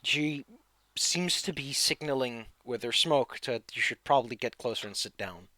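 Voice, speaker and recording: Male game master, medium pitch, tabletop narration, dry recording. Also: normal speed, pushed and bright, no room sound.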